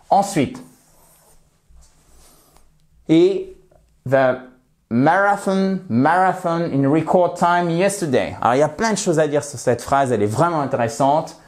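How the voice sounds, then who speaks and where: A man's voice: mid-range voice, a little mellow. A man teaching an English grammar lesson, patiently repeating words to model their pronunciation.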